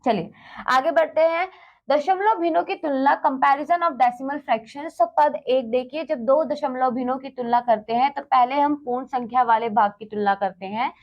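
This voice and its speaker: A woman's voice: high voice, normal speed, lo-fi sound. A woman teaching math to children, explaining step by step with patience, asking the class questions and then answering them, and mixing English words into her speech. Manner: mixes English words into Hindi.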